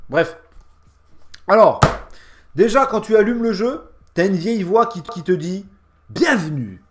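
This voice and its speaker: A man's voice: high voice, a little slow, background noise. A man hosting a casual, sarcastic game review in a mocking, slangy and emphatic manner. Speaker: gaming video host.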